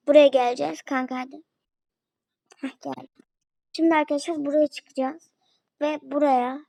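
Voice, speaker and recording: A woman's voice: high voice, creaky, a little mellow, no echo, rough recording. A young woman giving casual commentary on a phone game, chatting to her viewers and a friend as she plays. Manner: chatty, talks to viewers and a friend while playing. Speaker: gaming video creator.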